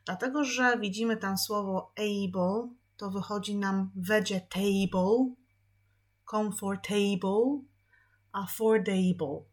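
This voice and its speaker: Slow, patient woman teaching pronunciation. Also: mid-range voice, steady tone. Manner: patient, repeats words slowly for practice. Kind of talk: podcast lesson.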